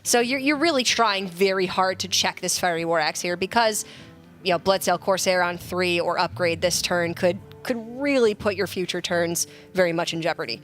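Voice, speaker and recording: A woman's voice: on the low side, normal speed, fairly bright tone. Woman analyzing plays over faint music. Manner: analytical, playful. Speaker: esports analyst. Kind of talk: color commentary.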